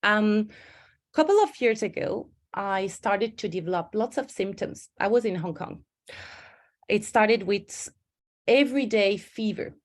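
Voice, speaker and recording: Speaking earnestly and personally, and frequently correcting herself mid-sentence, a Swiss woman leads an online stress management webinar. She has a medium-pitched voice with lively intonation and an unhurried delivery, picked up by a home computer mic on a video call.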